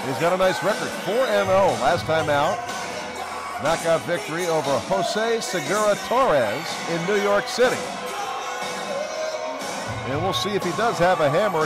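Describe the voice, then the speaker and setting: A man giving broadcast sports commentary as a boxing announcer at an event. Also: high voice. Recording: music and crowd behind commentary. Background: loud music and crowd.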